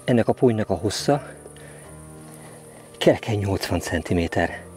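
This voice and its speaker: A man fishing outdoors by a river, giving vlog commentary with excited exclamations as he fights a fish. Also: lowish voice, soft background music. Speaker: angler. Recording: outdoor noise with crickets and insects.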